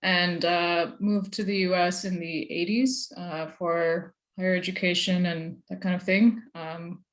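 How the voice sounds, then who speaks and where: A young American woman speaks as a guest on an interview podcast, her voice a little low for a woman. She talks conversationally and thoughtfully, often using like and you know as she works through her answers. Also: flat delivery, measured pace. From United States. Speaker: journalist guest. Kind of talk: casual interview.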